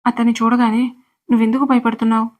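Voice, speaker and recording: A woman's voice: on the high side, flat delivery, fast talker, a little mellow, close to an everyday voice. A woman voicing a curious young female college friend who asks suspicious questions in a storybook reading.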